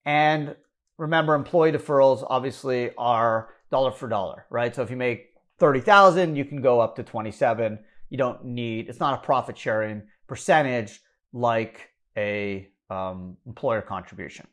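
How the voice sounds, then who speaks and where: A man with a Canadian accent explaining retirement contribution limits, brisk and number-heavy, correcting himself as he goes. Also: mid-range voice. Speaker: financial educator. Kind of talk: explanatory talk.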